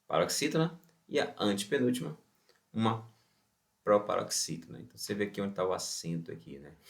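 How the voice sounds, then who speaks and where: A Brazilian man teaching an online science lesson, asking rhetorical questions and then answering them himself. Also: lowish voice. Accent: Brazilian Portuguese. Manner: opens with a Bible verse and blessing.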